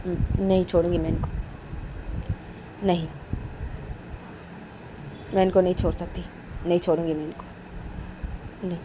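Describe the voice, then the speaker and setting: A woman's voice: lowish voice, level tone, a little slow, pauses often, noisy background, voice pushed down, natural voice. Woman as a firm, loyal young wife. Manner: firm, insistent repetition.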